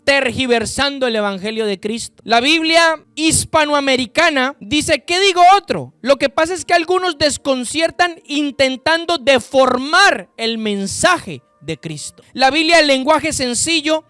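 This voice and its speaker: A man preaching a sermon, reading Bible verses slowly and with emphasis, and addressing the listeners directly. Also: expressive, sharp tone, no echo. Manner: slow, emphatic scripture reading with sudden pitch rises and drops.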